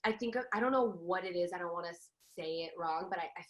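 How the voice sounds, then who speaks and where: Chatting casually as a podcast guest, this young Los Angeles woman, whose first language was Farsi, has a fairly low, fairly bright voice and a quick pace. She's chatty, laughs a lot and uses many fillers and restarts.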